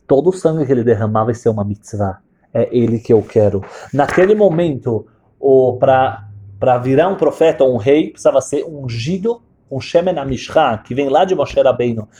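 Mellow-voiced man teaching a sermon. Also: medium pitch, normal speed, husky. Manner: animated storyteller, acts out voices, mixes Hebrew terms. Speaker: religious teacher. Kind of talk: sermon storytelling.

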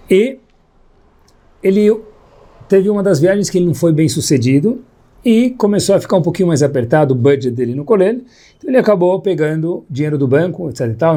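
A man gives a storytelling Torah lesson to his listeners, voicing each character's lines in turn. His voice sits a bit high but sounds dark and husky. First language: Hebrew terms mixed in. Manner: animated storyteller, acts out quoted dialogue. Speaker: rabbi teaching a Torah class.

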